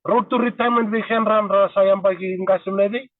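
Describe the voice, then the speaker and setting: A man's voice: sits high, steady tone, fairly quick, dry recording, recorded from a distance, narrow, tinny audio. A man in his thirties with a Fijian accent, talking earnestly as a podcast guest in casual chat and switching languages. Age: 30s.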